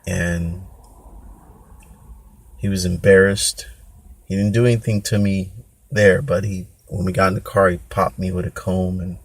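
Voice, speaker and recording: A man with a very low voice and a husky, slightly rough tone talks through a painful childhood story. He hosts his own podcast and speaks candidly and loosely. He restarts sentences often and slips into quick impressions of the people in the story. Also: flat delivery, no echo. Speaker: podcast host. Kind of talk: personal storytelling monologue.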